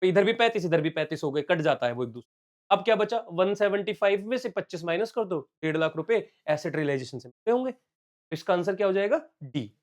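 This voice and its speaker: A man with a high voice teaches accounts on a live stream. He works the numbers aloud step by step and mixes English terms into his talk. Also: expressive, brisk. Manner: explains step by step, calls viewers "beta" and "bachche". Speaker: commerce teacher. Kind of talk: solving exam questions on a live stream.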